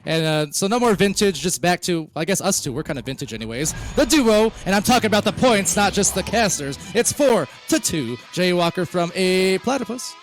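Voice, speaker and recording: A man's voice: high voice, big pitch swings, a little fast, hardly any pauses, soft background music, rough recording. A man doing color commentary on a live esports stream, rambling and self-deprecating in his banter.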